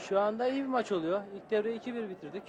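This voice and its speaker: A man's voice: sits high, very fast. A man, a football player giving a spontaneous interview at the ground. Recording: noisy outdoor stadium interview, loud crowd. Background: stadium crowd.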